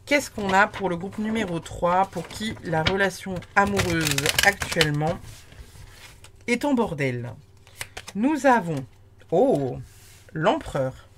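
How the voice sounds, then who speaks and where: A woman's voice: fairly low pitch, lively intonation, slow, pauses often, background noise. Chatty French-speaking woman reading tarot. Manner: chatty, many fillers and restarts. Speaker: tarot card reader. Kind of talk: casual spoken tarot reading.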